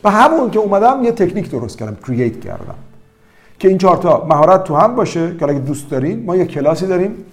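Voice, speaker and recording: A man teaching languages, talking in an animated, storytelling way to his viewers. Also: mid-range voice. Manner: animated, lively storytelling with quoted voices. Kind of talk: promotional language-learning talk.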